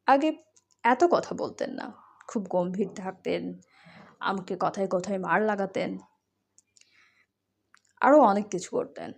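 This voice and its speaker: A woman voicing a playful, affectionate young wife who is quick to sulk, in a romantic audio story. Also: medium pitch, vocal fry, darkish tone.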